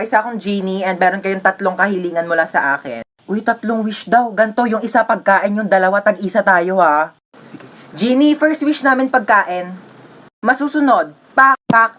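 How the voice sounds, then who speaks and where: A woman performing quick comedic skits, switching between characters in a playful way. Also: mid-range voice. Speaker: comedy sketch creator playing many parts.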